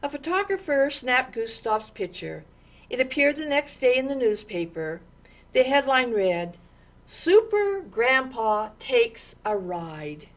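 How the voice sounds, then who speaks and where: A storytime reader with a fairly high voice, this woman narrates a book for kids. Her pacing is very slow and careful, with dramatic pauses and emphatic stress on the words that count.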